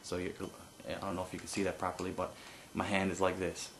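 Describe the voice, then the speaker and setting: A man giving an informal hands-on tutorial as an instructor, explaining haltingly with pauses and no script. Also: deep voice, monotone, slight background noise. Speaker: duck-calling instructor.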